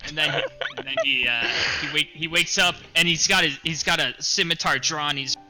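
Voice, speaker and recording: Man, high and bright, playful tabletop player, faint music. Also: normal speed, low-quality recording. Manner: dramatic, playful. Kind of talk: tabletop game play.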